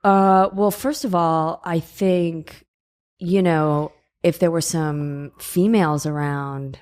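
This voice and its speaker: A woman's voice: sits low, fairly even intonation, slow, a little mellow. A woman appears as a guest on a podcast and answers casually, hesitating often with ums and you-knows. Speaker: guest, in-house writer. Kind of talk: casual chat.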